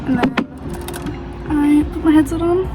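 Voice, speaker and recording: Casting: chatty, informal woman, high voice, casual backstage vlogger, music underneath. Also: a little slow. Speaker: theatre dresser vlogging backstage. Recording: music behind the voice.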